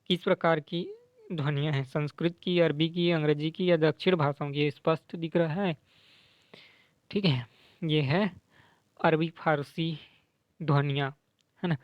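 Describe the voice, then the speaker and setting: A man teaching grammar, explaining quiz answers slowly and repeating letters aloud, often asking "है ना?" and mixing in English words. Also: fairly high pitch, no room sound, dull audio. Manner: slow, repetitive, checks in with "है ना?"; sounds out letters slowly to demonstrate.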